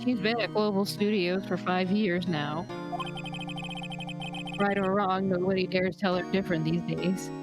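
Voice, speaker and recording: A woman streamer talks at a slow, easy pace, giggling between lines she reads from a game. Her close desk mic makes her sound a little muffled. Loud game music plays throughout under her voice. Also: on the low side, steady tone. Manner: giggly, unhurried. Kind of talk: casual let's-play chat, reading game lines aloud. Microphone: close desk mic, slightly muffled.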